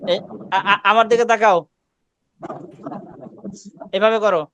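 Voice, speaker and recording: A man's voice: sits high, fairly even intonation, takes it slowly, fairly bright tone, dull audio, slight background noise. A man teaching Quran recitation on a video call, coaching students and correcting them with short repeated commands. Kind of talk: online class instruction.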